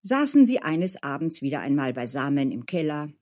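A storyteller reading a fairy tale aloud with lively rising and falling emphasis. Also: medium pitch, moderate pace.

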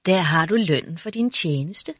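A gentle old woman speaks in a husky, lifted voice, as a male narrator puts her on. She sounds kindly and reassuring, every word soft. It comes from a read-aloud storybook. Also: high voice, animated, no room sound, studio quality, pitched above the performer's own voice, exaggerated voice.

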